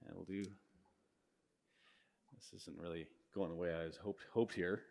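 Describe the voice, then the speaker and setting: Speaking through a handheld microphone, this middle-aged man delivers a live physics lecture in a large hall, keeping it casual and fixing his own slips as he goes. His voice sits low, gravelly and mellow, with fairly even intonation at a normal speed. A long hall reverb trails each phrase.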